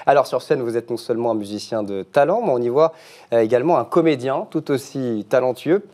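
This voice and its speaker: A man's voice: mid-range voice, dark tone. A man hosting a casual TV interview, prompting his guest and chiming in often. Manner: friendly, prompting, quick to chime in. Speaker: TV host.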